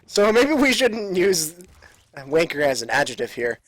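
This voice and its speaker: A man's voice: a little high, very animated, a little slow, fairly bright tone, poor audio. A man co-casting a live video game match, playful and joking, sometimes humming along. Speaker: co-caster. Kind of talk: casual live game commentary.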